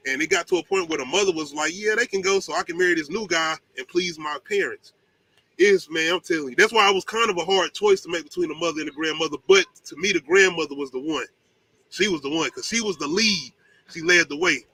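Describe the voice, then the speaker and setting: A man's voice: a little high, quick pace, sharp tone, breathy edge, rough recording. A man hosting a casual top ten countdown show about movies, talking in a slangy, emphatic way with some swearing.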